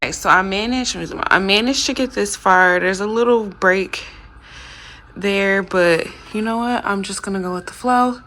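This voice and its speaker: A woman's voice: mid-range voice, normal speed, pushed and bright. A woman casually talking viewers through a home decorating project, upbeat and chatty, recorded on a phone camera indoors. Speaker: home vlogger. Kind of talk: casual vlog walkthrough. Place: apartment living room, indoors.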